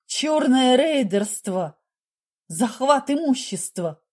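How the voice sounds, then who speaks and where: A woman voicing a desperate, sweating businessman who pleads and shouts in panicky outbursts. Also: very high voice, expressive, takes it slowly, breathy edge, full character voice. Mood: outraged.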